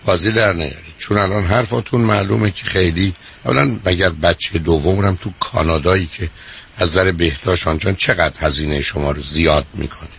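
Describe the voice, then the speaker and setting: A man's voice: sits low, steady tone, creaky, fairly bright tone, slight background noise. A man hosting a call-in advice show, lecturing a caller bluntly and repeating his points. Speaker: radio advice host. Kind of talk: call-in counseling.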